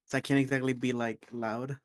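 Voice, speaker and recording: A soft-spoken man, a guest on a stream, chatting quietly and casually. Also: medium pitch, little pitch movement, brisk, no echo, studio quality. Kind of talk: casual chat.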